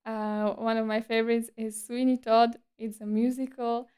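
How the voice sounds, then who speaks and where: A woman's voice: on the high side, level tone, moderate pace, mellow, clean tone. A woman streamer chatting casually in a livestream monologue, with a breezy, playful and slightly coy, teasing manner.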